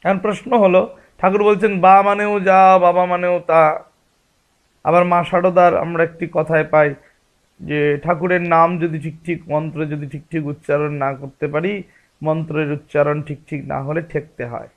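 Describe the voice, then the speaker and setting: A man's voice: fairly high pitch, level tone, moderate pace, dull audio. A man giving a spiritual discourse as a religious teacher, explaining patiently and asking rhetorical questions.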